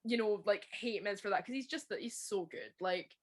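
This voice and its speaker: A Scottish woman co-hosting a podcast, chatting casually and emphatically, with frequent swearing and filler words. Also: medium pitch. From Scotland. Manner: swears freely, quick emphatic asides with many "like" fillers. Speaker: podcast co-host. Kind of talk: casual chat.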